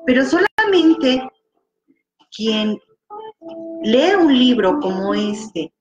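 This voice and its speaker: Lady, slow and hesitant, lots of ums, book chat, music clearly playing behind. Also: on the high side, very animated, muffled recording. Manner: slow, hesitant, with many fillers. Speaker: book discussion co-host.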